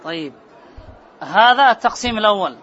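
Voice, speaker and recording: A man's voice: high-pitched, lively intonation, a little fast, fairly bright tone, some chatter behind. A man teaching a grammar class, repeating key terms and quizzing his students. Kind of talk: classroom lecture. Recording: muffled classroom recording with murmur.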